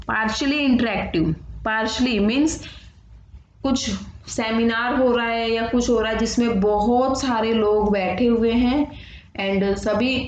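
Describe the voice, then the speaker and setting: A woman teacher with an Indian accent gives an exam-prep lecture. She reads English definitions slowly, then explains them in Hindi, often checking in with "okay". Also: on the high side, echoey room, dull audio, slight background noise.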